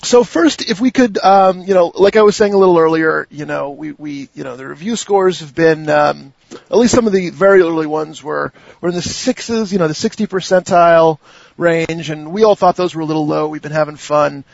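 A man's voice: on the high side, moderate pace, creaky, dry recording, muffled recording. A man hosting a casual gaming podcast, hesitant and restarting his sentences often. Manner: hesitant, many restarts and fillers. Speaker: podcast host.

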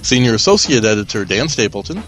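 A man hosting a casual podcast, a little hoarse as he gets over an illness. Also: fairly low pitch, sing-song, quick pace, a bit bright, faint music behind. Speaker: podcast host. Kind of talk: casual hosted podcast chat.

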